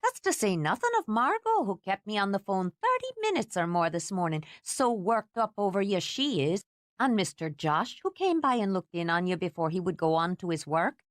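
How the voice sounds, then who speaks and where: A brisk, bossy older housekeeper, scolding out of fierce fondness, is performed by a woman during a storybook reading; her lively pitch swings upward when she gets worked up. The portrayal stays close to an everyday voice, and the recording is dry and close-miked.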